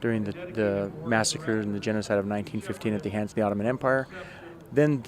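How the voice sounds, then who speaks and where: Quick-talking police lieutenant, outdoors. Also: male voice, fairly low pitch, steady tone, crowd noise. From United States. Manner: composed, speaks in measured statements. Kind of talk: outdoor event interview. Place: outdoors at a city event.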